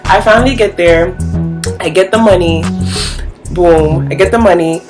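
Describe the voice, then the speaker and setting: A woman's voice: lowish voice, moderate pace, over music. Young woman rambling through a story. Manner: rambling, heavy use of "like", animated retelling. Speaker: vlogger. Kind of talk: casual storytelling.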